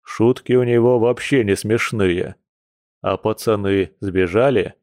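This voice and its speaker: A man's voice: fairly low pitch, measured pace, darkish tone, dry recording, natural voice. A man voicing a hungover bear werewolf who groans and complains gloomily, in a dry audiobook recording. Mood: groaning. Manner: groaning, mournful.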